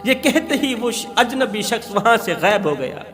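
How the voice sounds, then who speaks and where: At normal speed and very animated, a preacher and religious storyteller with a Pakistani accent tells a moral tale, his high, fairly bright voice rising into dramatic, declamatory sermonizing with emphatic repetition. Music and a long hall reverb surround him.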